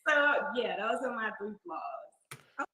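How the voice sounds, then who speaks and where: A woman's voice: on the high side, animated, slow, sharp tone. Confident young woman in an echoey room. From southern US. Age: 20s. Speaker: dating show contestant. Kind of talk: casual self-introduction. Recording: roomy echo.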